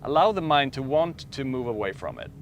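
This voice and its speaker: Soft-spoken man guiding a meditation. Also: medium pitch, gravelly, muffled recording, slight background noise. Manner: slow, calm, soft-spoken with long pauses. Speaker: meditation teacher. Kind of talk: guided meditation talk.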